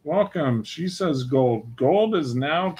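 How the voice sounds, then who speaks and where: A man's voice: fairly high pitch, expressive, slow pace, darkish tone, slightly rough. A man co-hosting a live craft stream, reading out viewer comments and teasing the host with dry jokes. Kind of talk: casual live-stream banter.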